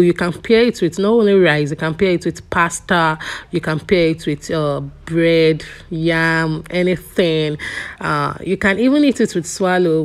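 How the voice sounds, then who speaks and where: A middle-aged woman, talking through a recipe in a relaxed, chatty cooking voice-over. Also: sits low. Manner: chatty, relaxed, with small laughs. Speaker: cooking vlogger.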